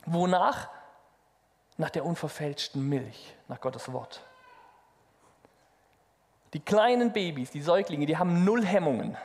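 A man preaching a sermon, lively and speaking directly to the congregation. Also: fairly high pitch, unhurried, long pauses. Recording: long hall reverb.

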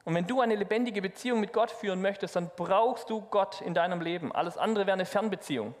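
A man preaching a sermon, lively and speaking directly to the congregation. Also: high voice, quick pace. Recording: long hall reverb.

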